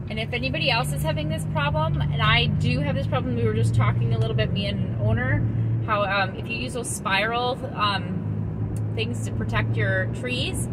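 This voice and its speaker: A woman in her thirties chatting to a dashboard camera while driving, rambling with many ums and restarts. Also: a little high. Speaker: homesteading vlogger. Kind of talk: casual vlog talk to camera. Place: inside a car driving on country roads. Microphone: camera clipped on the dashboard. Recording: loud road and engine noise.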